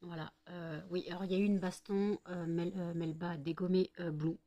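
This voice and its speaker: Low-voiced woman chatting in a rambling vlog. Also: steady tone, brisk, dark tone, dry recording, lo-fi sound. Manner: rambling, repeats herself. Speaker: vlogger and small candle seller. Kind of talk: casual late-night vlog chat.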